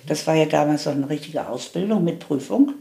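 An older woman tells her own story in an interview. Her voice carries a steady gravelly rasp. She speaks candidly, restarting sentences, then pushes her points home with emphasis. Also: sits low, a little fast. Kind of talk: reflective life-story telling.

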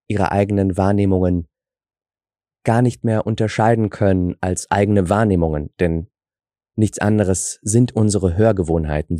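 The voice is a man's, low-pitched and dark in tone, captured at studio quality with no echo. Russian is his first language, though he grew up in Germany, and as a podcast host he gives a scripted solo talk that explains and reflects, with self-deprecating remarks along the way.

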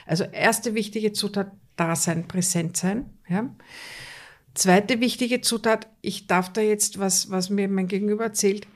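A woman's voice: mid-range voice, steady tone, a little slow. A woman coach speaks in an interview with earnest conviction and lays stress by repeating key words. Her talk is conversational and full of small restarts.

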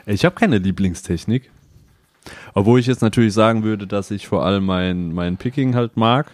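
A male guitarist answering questions in a casual interview, with a very low, deep voice. He speaks calmly and matter-of-factly. The recording is dry, with no room echo. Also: normal speed. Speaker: guest musician.

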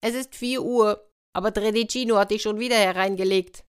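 A woman's voice: mid-range voice, steady tone, fairly quick, clean tone, pitched above the performer's own voice, natural voice. A woman voicing a clever, know-it-all male parrot in a raised, matter-of-fact voice.

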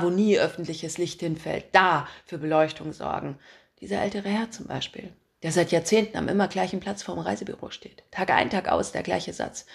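Lower-voiced woman reading her own first-person story, lively and ironic. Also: gravelly. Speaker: author reading her book. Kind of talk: scripted narration, reading aloud.

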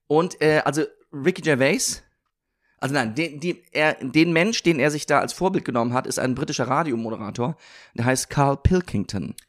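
A man's voice: medium pitch, moderate pace. A man co-hosting a casual podcast chat about TV series, often restarting sentences and laughing as he tells stories. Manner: hesitant restarts, laughs while telling stories. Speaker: podcast co-host.

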